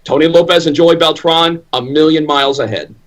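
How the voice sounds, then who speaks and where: A man with a slightly high voice talks in a conversational interview. He is an opinionated guest who puts his points emphatically, in everyday speech. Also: brisk. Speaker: ring announcer interviewed as guest.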